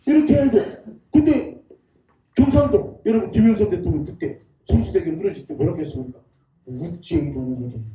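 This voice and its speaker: A man with a high, mellow voice gives a public lecture in a church, folksy and chuckling as he goes. He keeps pulling the audience into call-and-response drills. The sound is roomy and echoey, picked up from some distance. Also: very animated, a little fast, a little hiss or hum. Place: church hall. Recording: echoey hall, mic at a distance.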